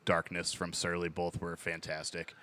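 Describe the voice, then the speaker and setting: Teasing laughing man, bright voice. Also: low-pitched, monotone, normal speed. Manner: teasing, laughs often, swears. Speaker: podcast co-host. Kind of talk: casual chat.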